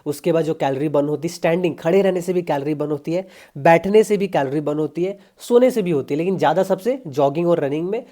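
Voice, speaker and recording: Young male fitness vlogger, warm mellow voice, chatty and salesy. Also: a little high, quick pace. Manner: chatty, pushy, addresses viewers as brother. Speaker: fitness coach. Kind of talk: casual diet advice vlog.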